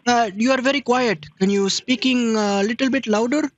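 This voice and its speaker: A scam baiter with a very high voice poses as a confused victim on a prank call, speaking broken English in a put-on Indian accent and teasing the caller. He talks at normal speed, and the recording is muffled but echo-free.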